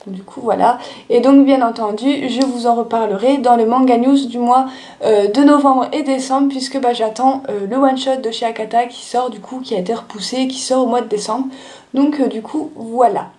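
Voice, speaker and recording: A young woman with a high but mellow voice, talking through her manga haul in a loose, chatty way. She pads her sentences with little fillers and restarts as she goes. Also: steady tone, moderate pace. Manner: chatty, lots of "euh" and "du coup" fillers. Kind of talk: casual haul video chat.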